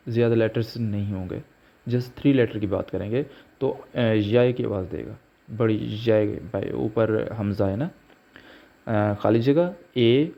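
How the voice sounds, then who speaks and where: A man teaching pronunciation rules, slowly spelling out letters and example words. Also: mid-range voice. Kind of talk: slow explanatory lesson. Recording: dull lo-fi recording.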